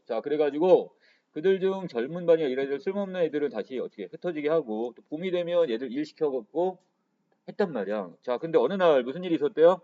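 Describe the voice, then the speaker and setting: A man's voice: on the high side, expressive, fast talker. A man teaching Korean literature for exam prep, who keeps saying "자" and asks his students questions before answering them himself. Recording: dull lo-fi lecture audio.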